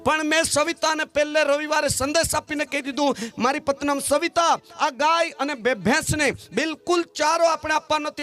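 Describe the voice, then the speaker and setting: A man preaching a sermon as pastor with a Gujarati accent, calling out to the congregation and slipping into a sung delivery. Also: very high voice. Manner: animated call-and-response preaching, sometimes sung.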